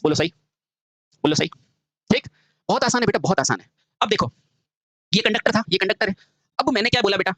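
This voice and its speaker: Guy teaching super fast, keeps asking "samjhe?" and calling everyone beta, kinda high voice, dry close sound. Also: bright, forceful tone, dry recording. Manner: constantly asks rhetorical questions, calls students "beta". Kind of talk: classroom-style lecture.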